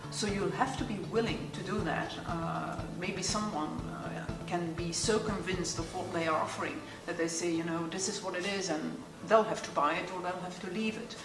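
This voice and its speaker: A middle-aged woman from Belgium, a guest lecturer and entrepreneur, giving measured interview answers with frequent fillers. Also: on the low side. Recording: echoey room from far off with music.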